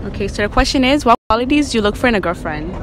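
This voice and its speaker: A woman's voice: a little high, animated, rapid-fire, rough recording. A young woman interviewing students on a college campus, asking short questions into a handheld phone and laughing often. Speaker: street interviewer. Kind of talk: casual street interview. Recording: outdoor street noise.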